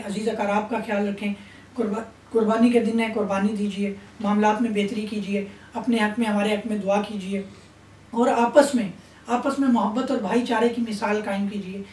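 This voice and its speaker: A woman's voice: on the high side, darkish tone. Woman, Islamic sermon, stern, admonishing, echoey room, distant mic. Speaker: religious speaker. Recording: roomy echo, distant mic.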